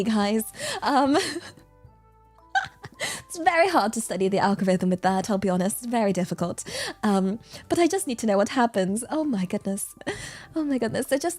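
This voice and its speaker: A woman's voice: a little high, animated, moderate pace, a little mellow, faint music behind. A woman streamer putting on a British received pronunciation voice like a prim newsreader, chatting in a rambling, well-spoken way. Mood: chatty. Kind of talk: livestream chat in a put-on accent.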